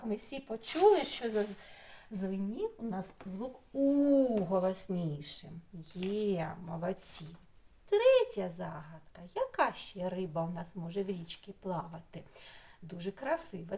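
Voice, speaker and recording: Woman teacher with a lively, sing-song voice. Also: medium pitch. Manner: sounds each syllable out slowly and clearly, coaxing. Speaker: children's teacher. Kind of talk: remote speech lesson for young children.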